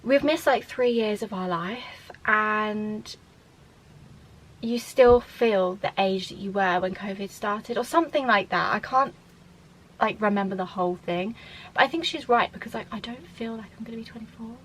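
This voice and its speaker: This UK woman in her twenties chats casually to camera in a Q&A vlog, rambling along with plenty of fillers and restarts. Her medium-pitched voice moves at normal speed and sounds slightly rough on a low-quality recording.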